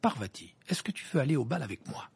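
A reader voicing a gloomy teenage boy wizard who speaks in a flat, subdued way, in an amateur audiobook reading. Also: medium pitch, fast, creaky, breathy edge, no echo, full character voice.

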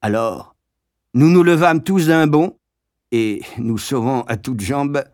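Man, storybook narrator, expressive reading, mid pitch, dry close sound. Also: takes it slowly, dry recording. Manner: lively, dramatic storytelling.

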